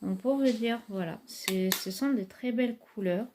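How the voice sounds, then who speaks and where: A woman's voice: mid-range voice, normal speed, background noise. A woman, casually reviewing makeup palettes in a chatty, hesitant way with many fillers. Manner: enthusiastic about products. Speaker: beauty vlogger.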